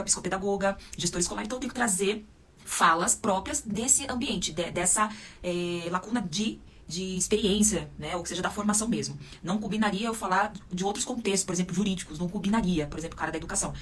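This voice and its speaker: A woman's voice: on the low side, a bit bright, a little hiss or hum. A woman educator with a Brazilian Portuguese accent, giving spoken teaching tips to camera and often tagging her sentences with little check-in questions. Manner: peppers sentences with "né?" and "tá?" tag questions. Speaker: educator and psychopedagogue. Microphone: close to camera or phone mic.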